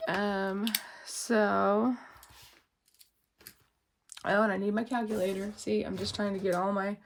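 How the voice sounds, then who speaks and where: A woman's voice: medium pitch, little pitch movement, slow pace, a little hiss or hum. A woman chatting casually while she counts cash, rambling with lots of fillers and congested from a cold. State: congested, coughing. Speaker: budgeting vlogger.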